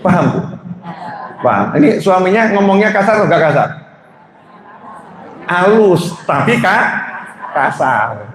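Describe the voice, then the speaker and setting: A man's voice: sits high, big pitch swings, a little slow, pauses often, a little hiss or hum. A man with a Javanese accent preaching to a live audience, joking and asking the crowd questions. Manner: jokey, asks the audience questions. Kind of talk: religious lecture to a live audience. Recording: echoey hall with long reverb.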